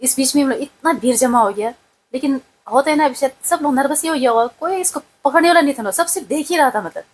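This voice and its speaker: A woman's voice: sits high, quick pace, a little hiss or hum, low-quality recording. A woman recounting a family accident in a rambling, emotional way, full of fillers. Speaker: wife of the vlogger. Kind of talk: casual storytelling.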